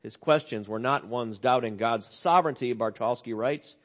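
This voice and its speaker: Older guy preaching, earnest storyteller, middle pitch, goes quiet and low on the sad parts. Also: normal speed. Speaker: pastor. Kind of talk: sermon.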